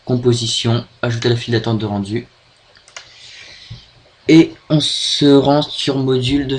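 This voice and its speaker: A young French man with a French accent giving a hesitant, filler-heavy screen-recorded software tutorial at his computer. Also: medium pitch. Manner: hesitant, many fillers and restarts. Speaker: video tutorial maker.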